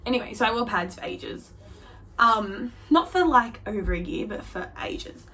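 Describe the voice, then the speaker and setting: A young woman vlogger chatting candidly to camera, her voice jumping up high for emphasis. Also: expressive, normal speed, bright, forceful tone. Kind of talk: casual storytelling to camera.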